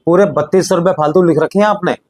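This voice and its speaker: A man acts out a mild-mannered elder brother in a family drama. He reasons evenly and patiently, often dropping low and soft, and his voice sits a little high for a man. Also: quick pace, a crowd in the background, close to an everyday voice. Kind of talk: Hindi family drama acting.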